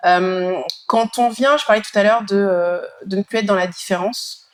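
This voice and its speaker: A woman with a Parisian French accent co-hosting a podcast in casual chat, telling things in an animated, informal way. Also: mid-range voice, moderate pace, no room sound. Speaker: podcast co-host.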